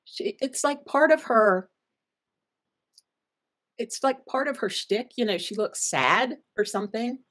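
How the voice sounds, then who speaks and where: A woman's voice: on the high side, animated, unhurried, pauses often, fairly bright tone. Chatty woman giving fashion opinions. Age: middle-aged. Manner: hesitant, many restarts and fillers, opinionated. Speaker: color analyst co-host. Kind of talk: casual fashion commentary chat.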